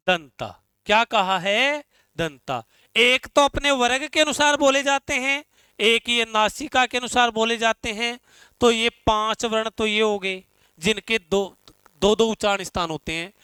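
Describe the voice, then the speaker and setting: A male Sanskrit teacher, drawing out syllables slowly as he asks his class questions and answers them himself. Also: extremely high pitch, pushed and bright, clean tone, no room sound. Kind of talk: classroom lesson on pronunciation.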